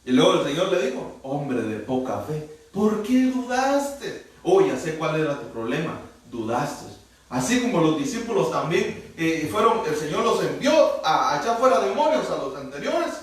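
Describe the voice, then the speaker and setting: A man's voice: a little high, big pitch swings, normal speed. A man preaching a sermon as pastor, animatedly acting out Bible dialogue. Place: church hall. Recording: echoey church hall, distant mic.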